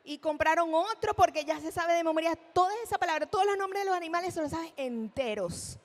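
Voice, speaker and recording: A woman giving a lecture at a live event, animated, asking the audience questions and acting out examples. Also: a little fast. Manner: acts out children's speech in a high voice. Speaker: speech therapist giving a talk. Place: event hall.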